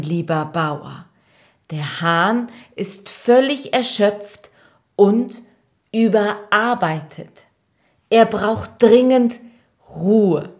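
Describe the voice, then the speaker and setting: A woman voicing a kindly farmer and doctor in a children's audio story, speaking gently. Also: medium pitch.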